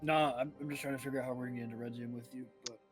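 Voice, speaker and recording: A man's voice: mid-range voice, fairly even intonation, rapid-fire, faint music behind. A man playing a tabletop game, rambling and throwing out goofy suggestions. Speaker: player. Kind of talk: tabletop role-play chat.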